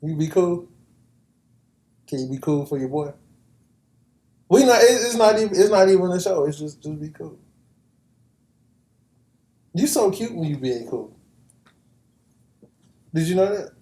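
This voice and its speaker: Over poor audio, a man with a higher-leaning, expressive voice hosts a podcast, speaking a little slowly and pausing often in a mellow tone. His show intro is casual, laid-back and teasing, peppered with "like," and faint music sits underneath.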